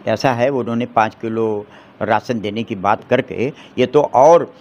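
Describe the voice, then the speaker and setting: A middle-aged man, an advocate giving forceful political opinions in an interview, firing off rhetorical questions and restarting his phrases. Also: fairly low pitch, a little slow, dull audio.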